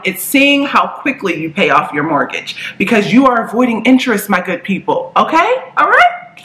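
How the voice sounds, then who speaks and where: Woman, 30s, chatty, slangy, bright tone, echoey room. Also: medium pitch. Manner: chatty, upbeat, slangy asides. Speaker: personal finance vlogger. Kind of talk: casual chat to camera.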